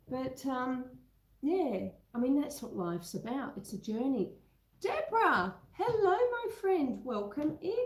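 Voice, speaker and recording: Here the homesteading host, an Australian woman, chats casually on her livestream and answers viewer comments from a roomy indoor space at home, still a bit congested. Her voice is high with a darkish tone, and the room sounds echoey.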